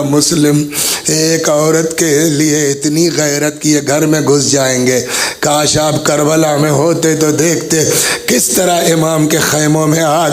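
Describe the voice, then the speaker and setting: Gravelly-voiced man preaching a majlis. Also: fairly high pitch. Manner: dramatic storytelling, voicing the people in the tale; addresses the gathering directly. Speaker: religious orator. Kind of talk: Muharram majlis sermon.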